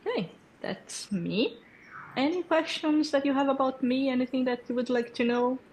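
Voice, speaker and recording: Her voice sits high and has a darkish tone, and she speaks at normal speed over slight background noise in poor audio. She is a Brazilian woman in her thirties, a native Portuguese speaker with a Brazilian accent, who leads a developer community. Here she presents a developer tool at a hackathon in a technical talk, explaining things warmly with fillers and check-in questions.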